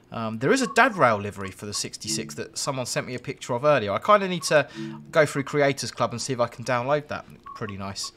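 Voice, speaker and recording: A man's voice: mid-range voice, pushed and bright. A man hosting a live-streamed game session, chatting to viewers in a jokey, rambling way. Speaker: live-stream host and train driver. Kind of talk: live-streamed gameplay commentary.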